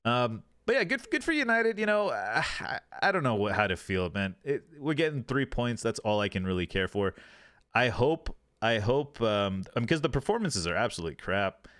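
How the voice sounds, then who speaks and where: A man's voice: mid-range voice, very animated, normal speed, fairly bright tone, no room sound, clean studio sound. A man hosting a casual football podcast, rambling with many fillers and restarts. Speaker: podcast host.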